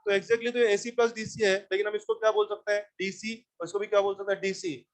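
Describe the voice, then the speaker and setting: A man with a high-pitched voice lectures an electronics class. He talks bluntly, scolds his students and keeps checking whether they follow. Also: level tone, fast talker. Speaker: teacher.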